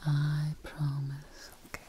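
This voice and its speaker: A young adult woman, an ASMR performer, whispers slowly in a deep, monotone voice, playing a calm, eerie female creature-maker scientist tending her experiment. Her hushed close-up whispering is soft and soothing, recorded on a close microphone in a small dark indoor setup. The close whisper comes through with clear noise and clicks.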